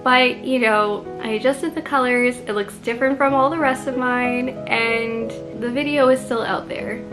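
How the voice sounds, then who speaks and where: A woman's voice: fairly high pitch, poor audio. A woman with a Canadian accent, chatting casually to camera as a book vlogger, self-deprecating and full of "like".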